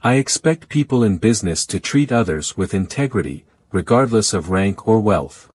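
A man reading as a calm, firm older woman. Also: fairly low pitch, moderate pace, husky, no echo, clean studio sound. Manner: gentle but firm, even.

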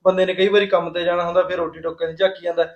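Casting: actor as a placating young husband, quick and fairly high voice. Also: male voice, little pitch movement, highs cut off. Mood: reasoning. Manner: placating, reasoning, patient. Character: easygoing young husband caught between wife and sister-in-law. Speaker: husband, a day laborer. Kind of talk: short-film drama dialogue.

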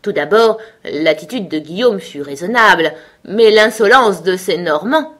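A woman's voice: mid-range voice, lively intonation, a little slow, a bit bright. A woman voicing a fussy, self-important mouse who lectures pompously in a storybook reading. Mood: brisk.

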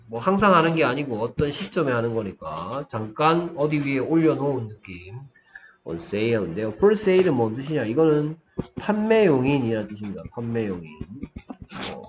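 A man teaching English in Korean, explaining a dialogue and reading example phrases in careful, slow English with a Korean accent. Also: a little high, lo-fi sound, a little hiss or hum. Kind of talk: online English lesson.

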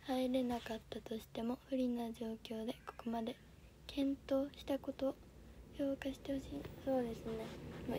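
A teenage girl with a Kansai accent, livestreaming for an audition and politely answering viewer comments in a soft, often half-whispered voice. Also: on the high side, very noisy. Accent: Kansai Japanese. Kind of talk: casual livestream chat reading viewer comments. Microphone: phone camera.

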